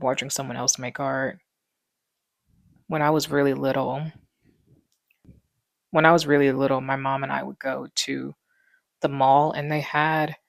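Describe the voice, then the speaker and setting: A woman in her twenties, a vlogger, chats casually from her living room, rambling in a relaxed way with plenty of fillers. Her voice is bass-heavy, and the wireless clip mic picks it up with no echo.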